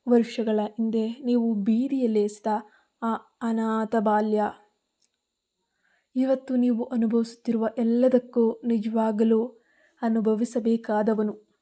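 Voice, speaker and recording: A woman's voice: on the high side, level tone, slow, pauses often, warm tone. A woman voicing a vengeful young man who steadily accuses and threatens his old enemy. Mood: bitter, vengeful.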